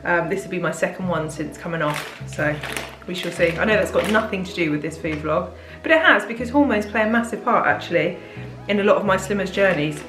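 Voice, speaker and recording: A woman's voice: fairly low pitch, a little fast, hardly any pauses, reverberant, music in the background, rough recording. A British woman in her thirties chatting candidly in a casual food vlog from her home kitchen, laughing easily as she talks. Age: 30s. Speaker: diet plan consultant and vlogger.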